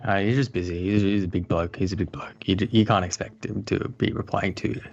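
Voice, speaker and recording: A man's voice: low-pitched, steady tone, a little fast, gravelly, a little mellow. A man co-hosting a podcast, chatting in a laid-back way and repeating himself. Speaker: podcast co-host. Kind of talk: casual chat. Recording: dull, lo-fi sound.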